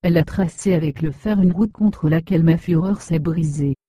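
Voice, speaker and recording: A woman's voice: sits low, moderate pace, mellow, husky, dry recording. Woman voicing a proud fallen desert wind. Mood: bitter lament. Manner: lofty, lamenting storybook speech. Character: proud weakened desert wind spirit, male, bitter. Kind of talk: storybook reading.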